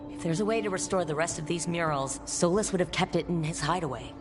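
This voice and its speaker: A woman's voice: fairly low pitch, fast talker, music in the background, close to an everyday voice. An actress playing a practical female adventurer leading her team in a video game. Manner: practical, direct. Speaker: player character and team leader.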